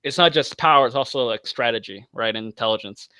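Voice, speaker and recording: A man's voice: mid-range voice, fast talker, bright, forceful tone, clean tone, no echo. A young man arguing in a casual live-stream debate, rambling with many fillers and swearing. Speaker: debate guest.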